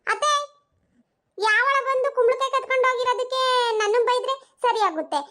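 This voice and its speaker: A performer doing a squeaky sassy young daughter-in-law. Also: fairly even intonation, brisk, bright, forceful tone. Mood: dismissive. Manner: cheeky and dismissive. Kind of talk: cartoon voice acting.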